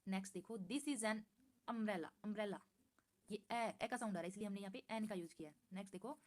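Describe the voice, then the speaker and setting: Patient woman teaching grammar. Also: medium pitch. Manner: patient, repeats points and asks herself questions; reads English example sentences slowly and deliberately. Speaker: English teacher. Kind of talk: slide-based grammar lesson.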